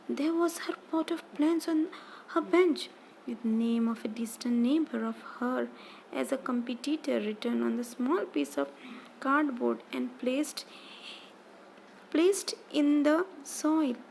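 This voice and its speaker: A woman teacher with an Indian English accent retelling a textbook story for a class, expressive, often repeating and rephrasing lines as she explains. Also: sits high, slow pace, vocal fry, slight background noise, poor audio.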